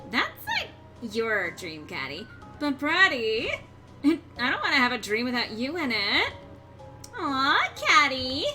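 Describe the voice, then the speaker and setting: Bubbly sorority girl monster, Valley Girl accent, gossipy, piercingly bright, high voice. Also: very animated, takes it slowly, soft background music, exaggerated voice. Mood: excited, teasing.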